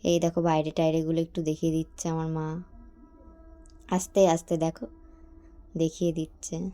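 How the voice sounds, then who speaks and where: A woman's voice: sits low, level tone, normal speed, mellow. A young woman, chatting casually to her viewers in a family vlog. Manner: chatty, talks straight to viewers. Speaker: vlogger.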